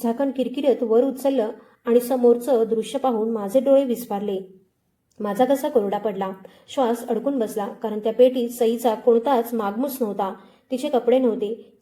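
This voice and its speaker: Female storyteller, very mellow and dark in tone, slightly high pitch, measured dramatic narration of a suspense tale. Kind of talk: scripted first-person suspense narration.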